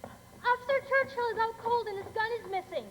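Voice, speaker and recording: Brief: student actress as a commanding heroine, very high voice, echoey stage. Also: female voice, a little fast, a bit bright. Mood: determined. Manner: bold and commanding. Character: tough young woman taking charge, Connie. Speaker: stage actor in a school play. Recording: echoey auditorium, faint noise.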